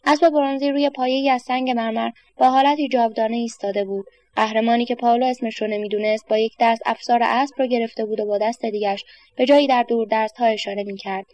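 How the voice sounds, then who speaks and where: A woman reads a children's story aloud in a steady, measured way. Her voice is on the higher side. The recording is close and dry, with no room sound. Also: no room sound. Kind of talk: calm storybook reading.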